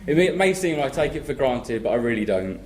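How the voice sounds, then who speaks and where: A young man from England, speaking as the groom at his wedding reception, joking and then thanking family warmly. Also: medium pitch, big pitch swings, fast talker. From southern England. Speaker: groom giving a wedding speech. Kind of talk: wedding speech to guests. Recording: loud crowd and noise at a reception. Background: laughing guests.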